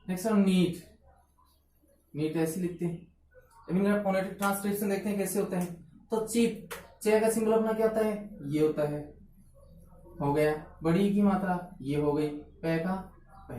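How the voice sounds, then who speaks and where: A man's voice: sits high, normal speed, warm tone, a little hiss or hum. Man teaching phonetics in a roomy echo. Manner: asks and answers his own questions. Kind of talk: blackboard phonetics lesson. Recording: roomy echo, mic far off.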